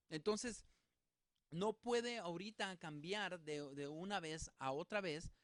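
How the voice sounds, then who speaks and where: A man teaching a Bible study in a relaxed spoken way, working through examples with many fillers and restarts. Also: fairly high pitch, dry recording.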